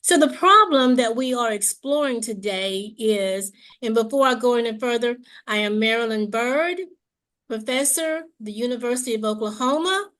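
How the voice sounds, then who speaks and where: A woman professor moderating an academic webinar, opening it with a formal, measured presentation and repeating key points for emphasis. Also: a little high, a bit bright. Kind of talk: prepared webinar introduction.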